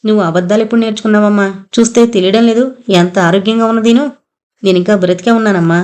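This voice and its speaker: A woman's voice: mid-range voice, fairly even intonation, fast, a little mellow, natural voice. A woman voicing a proud, caring young married daughter who speaks earnestly and with feeling. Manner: earnest and emotional.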